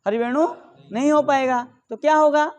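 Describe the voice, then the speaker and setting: A middle-aged man teaching Sanskrit grammar, asking questions and answering them himself, reciting the rules slowly. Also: very high-pitched, muffled recording. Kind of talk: explaining grammar rules in a lesson.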